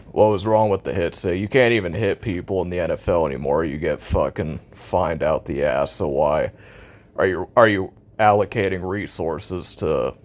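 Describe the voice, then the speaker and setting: An American man in a casual, opinionated rant about a video game, blunt, cynical and sarcastic in his complaints. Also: deep voice.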